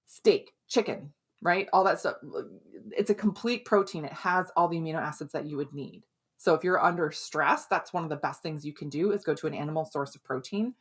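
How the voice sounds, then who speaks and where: Chatty middle aged woman from minnesota talking health stuff, kinda low voice, keeps saying right?. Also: breathy edge. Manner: laughs often, quick asides. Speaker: health and hormone coach. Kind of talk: casual advice talk to camera.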